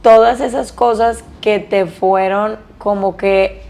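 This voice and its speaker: A woman's voice: mid-range voice, steady tone, slow, vocal fry, darkish tone. A woman in her thirties hosting a casual podcast interview, talking in an empathetic, conversational way. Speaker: podcast host.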